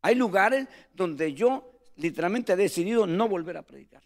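At normal speed and with an animated, high-pitched voice, a man relates his ministry as a storytelling testimony. He's earnest throughout, addressing his listener as "hermano," brother, over and over.

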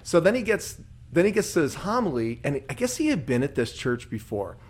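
A man's voice: on the high side, a little fast, breathy edge. A man who works as a church musician, telling stories in casual chat and acting out the quotes in them. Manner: animated storyteller, acts out quotes. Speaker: church musician, podcast host.

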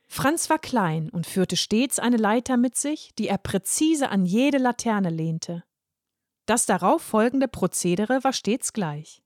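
A woman reading a humorous short story aloud in an expressive, playful narration. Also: mid-range voice, no echo, studio quality.

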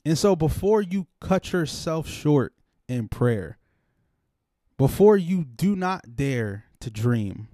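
Guy preaching a chill sermon, talks it out like a convo, acts out what people would say, goes loud then real quiet, dry close mic. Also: fairly high pitch, no room sound. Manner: conversational preaching, acts out imagined dialogue, swings from loud to hushed. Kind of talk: podcast sermon.

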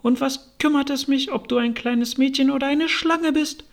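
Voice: high-pitched, steady tone, normal speed, vocal fry, pitched above the performer's own voice. A reader voicing a fretful, indignant mother pigeon in a storybook. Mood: scornful. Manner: shrieking, indignant and scornful. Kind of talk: storybook reading.

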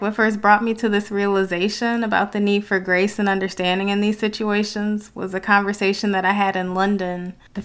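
A woman from Detroit in the United States hosts a reflective solo podcast, speaking with an American accent. Her voice is medium-pitched and smooth, and her delivery is articulate and conversational.

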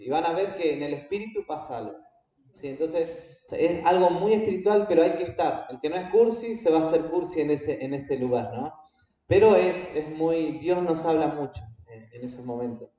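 A man pastor teaching his congregation in a halting way, with many fillers and repeated words. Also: on the high side, animated, warm tone. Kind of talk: church teaching talk. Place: church hall. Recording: echoey hall, distant, dull and slightly noisy.

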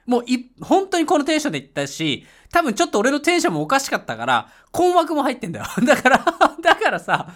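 A man host telling a casual travel story, laughing often and breaking into loud English shouts when he reenacts moments. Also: very high-pitched, huge pitch swings, fast, few pauses. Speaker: podcast host. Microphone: home mic voice message.

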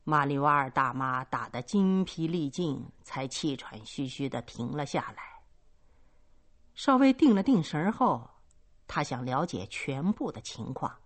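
Slow, expressive woman reading a story. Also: low voice. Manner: expressive, measured. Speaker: narrator.

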